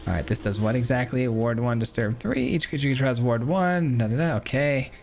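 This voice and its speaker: A man talking through his card game in a relaxed play-by-play, thinking aloud, second-guessing his moves and filling pauses with ums and uhs. His voice sits at an ordinary middle pitch, with faint music playing underneath. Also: gravelly. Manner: chatty, self-critical play-by-play with frequent fillers. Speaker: gameplay streamer. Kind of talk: casual game commentary.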